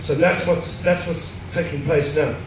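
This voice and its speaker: A man's voice: a little high, fairly even intonation, a little slow. A middle-aged man, a chef, explaining a recipe step by step with dry jokes at a live cooking demonstration. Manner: explanatory, dryly joking. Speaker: cruise ship chef. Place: cruise ship show stage before an audience. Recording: echoey hall, distant mic, noise.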